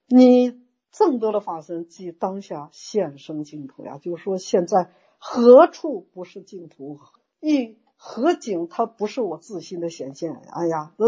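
A woman's voice: lowish voice, husky, muffled recording. Woman giving an exclamatory Dharma talk. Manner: animated, exclamatory, acts out inner thoughts. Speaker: Buddhist teacher.

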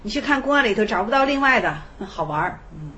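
A woman explaining Zen koans in lively spoken commentary, repeating phrases and thinking aloud with fillers. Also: mid-range voice, quick pace, dull audio. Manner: acts out the dialogue with sudden shouts and drops.

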